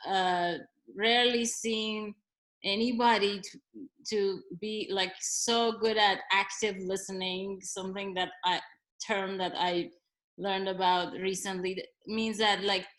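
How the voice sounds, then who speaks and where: A woman sharing memories of her grandmother and gently coaxing a small child, speaking hesitantly with many fillers. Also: mid-range voice, rough recording. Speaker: parent prompting her child. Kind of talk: casual spoken tribute.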